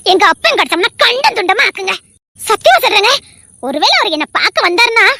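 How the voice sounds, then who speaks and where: A woman's voice: very high-pitched, pushed and bright, no echo, heavily acted. A woman voicing a fiercely devoted young wife who pleads in a tearful, vehement way. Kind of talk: dramatic audio story acting.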